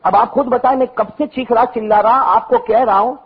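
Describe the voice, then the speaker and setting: High-voiced husky preacher, dull recording. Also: male voice, steady tone. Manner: chanting recitation, chatty asides to congregation. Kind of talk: sermon with humorous story. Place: mosque gathering.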